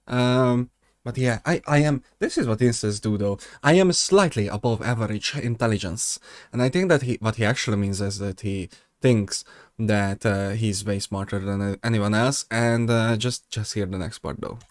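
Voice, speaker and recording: A young man's lowish voice, recorded at studio quality with no echo, delivers mocking reaction-video commentary at a moderate pace. He's sarcastic and rambling, full of fillers and restarts, and his voice leaps up whenever he gets exasperated.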